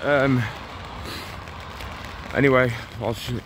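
A man in his forties walks a town street in the rain, vlogging on a phone held at arm's length as a street evangelist, preaching earnestly and urgently and often repeating himself. His mid-range voice is steady and fairly bright, and he speaks slowly. The low-quality phone recording picks up passing traffic.

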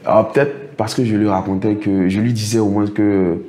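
Middle-aged man, low dark voice, interview guest who tells anecdotes and acts out dialogue. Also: steady tone, normal speed. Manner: recounts anecdotes, acts out others' words. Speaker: interview guest, project financing consultant. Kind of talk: storytelling in a casual interview.

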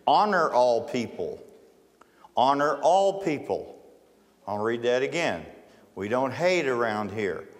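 A middle-aged man preaching a sermon as pastor, emphatic and building to forceful declarations. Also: medium pitch. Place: large church sanctuary, on stage. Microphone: handheld mic, then pulpit mic. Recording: long church hall reverb with faint music.

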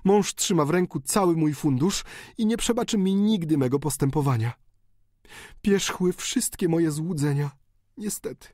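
A male audiobook reader voicing a remorseful, despairing countess in a high, pleading voice. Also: normal speed, a little mellow, dry recording, studio quality. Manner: pleading, anguished, high-pitched. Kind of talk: audiobook character reading.

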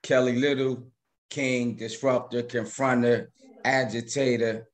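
An American man introducing himself in a measured, declamatory way, word by word, on a video call. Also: mid-range voice, flat delivery. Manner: measured, listing words one by one.

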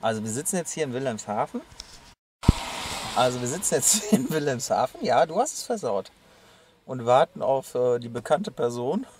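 A man in his thirties, a vlogger, chats and jokes to a handheld action camera on a road trip, partly inside a car and partly outdoors in a parking lot. His mid-range voice is expressive and darkish at a moderate pace. Car and road noise fill the noisy recording.

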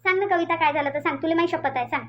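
A coaxing elder sister-in-law. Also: female voice, very high-pitched, racing, fairly bright tone, dull audio, a little hiss or hum. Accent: Vidarbha Marathi (Varhadi). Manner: coaxing, worried. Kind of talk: cartoon voice acting.

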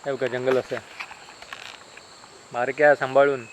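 Chatty Konkani Marathi village vlogger. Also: male voice, mid-range voice, flat delivery, moderate pace, slight background noise, low-quality recording. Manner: chatty, teasing, shows things to viewers. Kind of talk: casual village vlog narration. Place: outdoors in a village and forest. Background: insects and birds.

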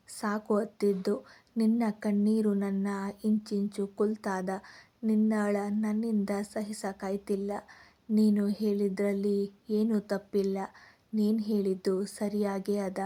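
A woman's voice: medium pitch, warm tone. Woman voicing a remorseful young village husband.

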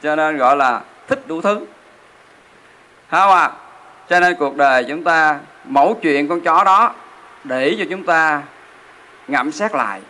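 Monk giving a sermon, higher voice, bright and forceful, keeps quizzing the crowd. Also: male voice, measured pace, long pauses. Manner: rhetorical questions to the audience. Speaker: Buddhist monk. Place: temple hall.

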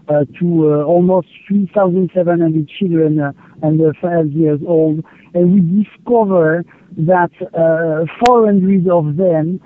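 Slow hesitant man on a crackly satellite phone. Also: on the high side. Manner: hesitant, many pauses and filler sounds. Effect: distorted satellite phone line. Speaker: aid field coordinator interviewed by phone. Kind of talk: remote interview answers. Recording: tinny satellite phone line.

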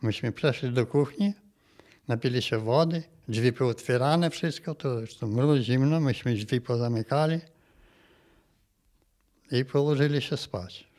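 Speaking in an interview, a man of about eighty-something from Volhynia tells of surviving the massacre. His mid-range, slightly mellow voice moves in plain, halting phrases that frequently close with a brisk "nie?".

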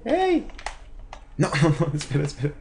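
A man's voice: mid-range voice, unhurried, slight background noise. Mexican man chatting through a game. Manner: chatty, talks to his companion and viewers, swears casually. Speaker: gaming channel host. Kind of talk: casual let's-play commentary.

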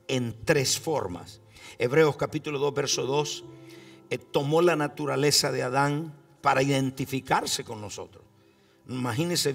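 A man preaching a sermon as pastor, speaking slowly with fillers and calling on the congregation to repeat after him. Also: medium pitch, creaky, recorded from a distance.

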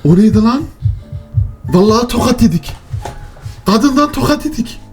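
A man commentates his own horror game run, muttering nervously to his viewers. When something startles him, he swears and shrieks. His voice is high and swings wildly in pitch, with faint game music behind him. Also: animated, normal speed, a little mellow. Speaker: gaming channel host.

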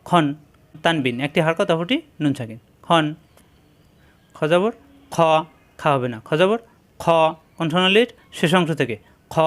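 A man teaching Quran reading, slowly spelling out Arabic letters and repeating each syllable for students to follow. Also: on the high side, a bit bright. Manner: slow, drilling repetition of syllables.

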